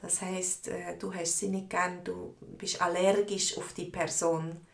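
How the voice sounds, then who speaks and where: A woman with a Swiss accent, teaching a live online language lesson, explaining words slowly and answering viewers' comments. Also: fairly low pitch, flat delivery, gravelly, reverberant. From Switzerland. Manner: slow, explanatory, repeats words for learners.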